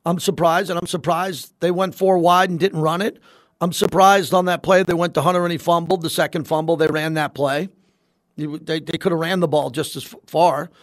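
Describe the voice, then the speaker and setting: High-voiced, emphatic American sports radio host. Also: male voice, fairly even intonation, a little fast, dry recording. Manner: emphatic, repeats phrases for emphasis. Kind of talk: opinionated sports talk radio. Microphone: close studio microphone.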